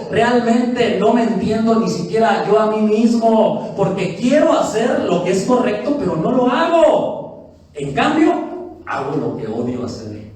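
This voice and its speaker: A man preaching a lively sermon as pastor, who acts out quotes of church members. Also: high-pitched. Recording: echoey hall heard from a distance with faint music.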